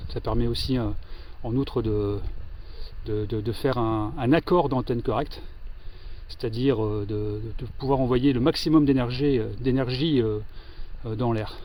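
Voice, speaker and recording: An amateur radio operator gives an informal, hands-on demonstration of equipment, explaining hesitantly and pausing to find his words. His medium-pitched voice is steady and warm, with slight background noise.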